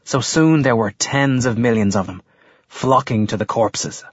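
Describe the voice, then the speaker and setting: An actor playing an earnest history teacher who lectures in a measured, explanatory way. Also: male voice, mid-range voice, slightly rough, no echo, highs cut off. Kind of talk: audiobook character voice.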